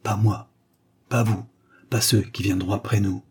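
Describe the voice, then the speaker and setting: A man's voice: on the low side, steady tone, measured pace, husky. A man voicing a stern, proud aristocratic father, an aging marquis, in an audiobook, solemn and insistent.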